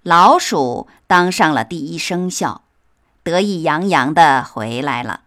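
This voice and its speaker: Slow, expressive woman storyteller. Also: deep voice. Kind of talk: children's story reading.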